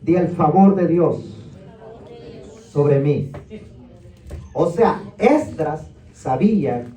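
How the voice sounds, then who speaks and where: A man's voice: fairly high pitch, expressive, very slow, warm tone. A man teaching a Bible class as pastor, calling on listeners to repeat words and tagging lines with questions, heard from a distance in an echoey room. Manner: keeps asking listeners to repeat words after him; tags lines with rhetorical "¿verdad?" and "amén". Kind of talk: Bible teaching with call-and-response. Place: church meeting room. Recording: echoey room, voice far from the mic.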